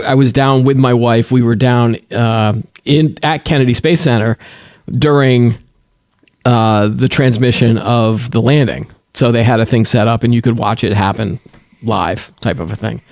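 A man's voice: medium pitch, darkish tone, dry recording, clean studio sound. A middle-aged man co-hosting a tech podcast, chatting casually in a rambling, self-correcting way. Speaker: podcast co-host.

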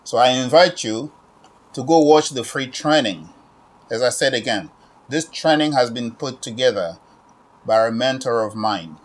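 A business owner in his forties from the Democratic Republic of Congo stands in his own shop pitching an online training directly to the camera, which sits at medium distance. Unhurried with lively intonation, he repeats himself and urges viewers, tagging lines with frequent "okay?".

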